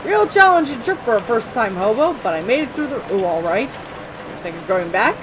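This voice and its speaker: A let's-play narrator voicing a cheerful, chatty male hobo in a video game, over a clear patter of rain. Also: medium pitch, very animated, a little fast, natural voice. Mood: folksy. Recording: rain noise behind.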